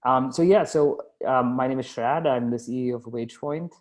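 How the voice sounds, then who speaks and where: A company founder and CEO who grew up in Dubai answers questions as a guest in a casual interview. His mid-range voice is a little fast and a little mellow, and he's chatty and self-deprecating, with lots of fillers and restarts.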